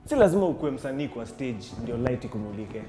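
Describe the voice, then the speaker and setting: A man's voice: mid-range voice, very animated, fast talker, mellow, faint music behind. A young man presenting a student video in a playful, slangy scripted way.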